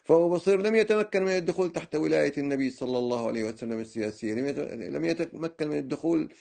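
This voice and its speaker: A man's voice: a little high, racing, gravelly, mellow. A man giving a religious lecture, telling of his own studies in a digressive way, with many fillers and restarts. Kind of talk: first-person lecture recounting his studies.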